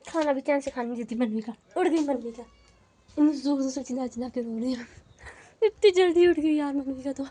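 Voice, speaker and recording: A woman's voice: sits high, fairly quick, dark tone, a little hiss or hum. A young woman with a head cold, chatting casually to viewers as a family vlogger at home. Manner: chatty, talks straight to viewers. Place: home, indoors.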